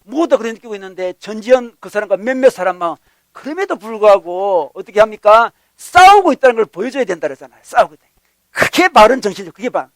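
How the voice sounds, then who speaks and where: A man's voice: high voice, sing-song, fast talker, fairly bright tone, dry recording. A male pastor delivering a sermon, acting out complaints and God's replies with sudden emphatic rises. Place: church.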